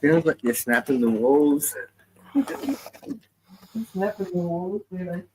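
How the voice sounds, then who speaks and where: Higher-voiced man over background noise. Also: animated, slow pace. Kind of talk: casual chat.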